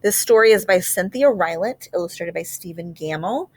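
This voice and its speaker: In a lowish voice, a woman reads aloud from a children's picture book like a teacher, stretching her phrasing out deliberately and telling the story expressively.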